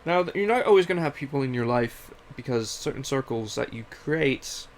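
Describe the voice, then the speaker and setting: This young Canadian man hosts a podcast, giving a casual, rambling, self-deprecating personal monologue in an accent that blends British and Canadian. His mid-range voice is expressive and fairly quick.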